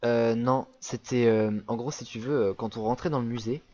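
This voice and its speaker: A man's voice: medium pitch, fairly even intonation, normal speed, dark tone, lo-fi sound. A young French man rambling through a casual travel anecdote, full of fillers and restarts. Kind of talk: casual storytelling chat.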